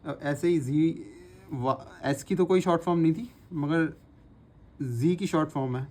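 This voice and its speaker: A man's voice: fairly high pitch, warm tone. Patient man teaching shorthand. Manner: patient, repeats sounds slowly while writing. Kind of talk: instructional lesson, repeating drills aloud.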